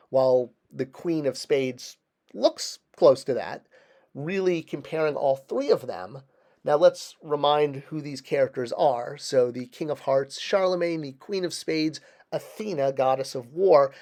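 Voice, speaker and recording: A man's voice: medium pitch, darkish tone. Man explaining casually with emphatic stresses. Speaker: video presenter.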